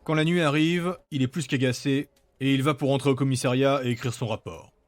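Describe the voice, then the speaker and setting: A man's voice: mid-range voice, steady tone, a little fast, dry recording. A man reading scripted narration for a fantasy audio story.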